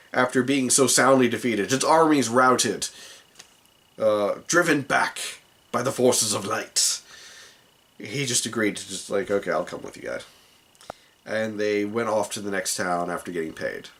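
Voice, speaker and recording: A man's voice: lowish voice, a little slow, fairly bright tone. A man recounting a tabletop game session as the dungeon master, rambling with many asides. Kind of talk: casual tabletop game recap.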